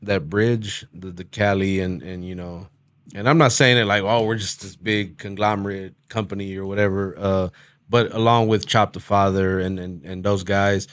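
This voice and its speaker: Low-voiced Texan man chatting casually. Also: steady tone, moderate pace, a bit bright, dry recording. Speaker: interview host. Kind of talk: casual chat.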